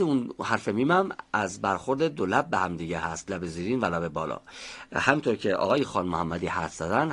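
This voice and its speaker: Lively-voiced male teacher explaining sounds. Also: lowish voice, husky. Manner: patient, explanatory, calls on students by name. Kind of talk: classroom lesson on pronunciation.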